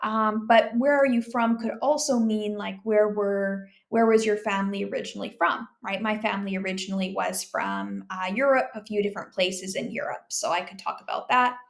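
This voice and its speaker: A young woman from Ontario, Canada, working as an exam tutor, explaining speaking-test questions in a relaxed, chatty way with many fillers and tag questions. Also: medium pitch, normal speed, vocal fry, few pauses. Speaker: IELTS tutor.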